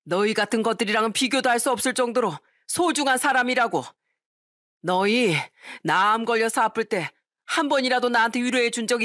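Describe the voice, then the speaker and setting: A woman reading an audio story, voicing an elderly mother-in-law who shouts down her son and his wife. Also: a little high, dry recording, studio quality, pitched above the performer's own voice, close to an everyday voice. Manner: shouting, scolding.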